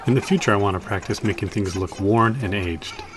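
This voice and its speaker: A man with a fairly low voice narrates a hands-on how-to video. He explains each step in a plain, matter-of-fact way, like a casual scripted tutorial. Music plays clearly behind him. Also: fairly quick.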